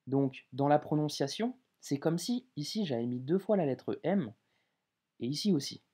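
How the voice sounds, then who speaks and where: Male tutor, mellow voice, chatty and informal, slows down on sample words. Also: on the high side, lively intonation, breathy edge. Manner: informal, addresses viewer as tu, drawn-out example words. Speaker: Arabic reading teacher. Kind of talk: casual video lesson.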